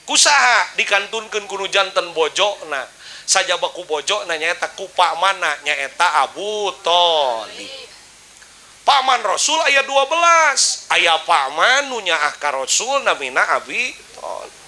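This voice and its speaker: A man's voice: sits high, very animated, measured pace, bright, forceful tone, poor audio. A man with a Sundanese accent preaching a humorous sermon, joking with the audience and breaking into sung praise. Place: outdoor religious gathering.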